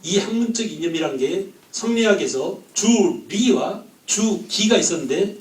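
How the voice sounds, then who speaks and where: A man teaching a history class, firing quick questions at the students and joking with them. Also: sits high, lively intonation, echoey room, recorded from a distance, low-quality recording. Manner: quizzes the class with quick questions, jokes and laughs. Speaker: history lecturer.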